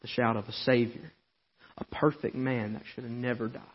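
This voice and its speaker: A male preacher giving a sermon, swinging between hollering and a quiet, intimate tone. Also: mid-range voice, flat delivery, normal speed, husky, highs cut off. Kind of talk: Southern Baptist-style sermon. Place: church sanctuary.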